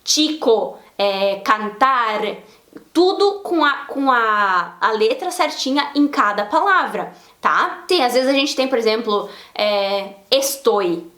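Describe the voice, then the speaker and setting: Lady teaching spanish sounds, chatty and lively, bit of room echo. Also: on the high side, slow. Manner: lively, explanatory, demonstrates pronunciations. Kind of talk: casual video lesson.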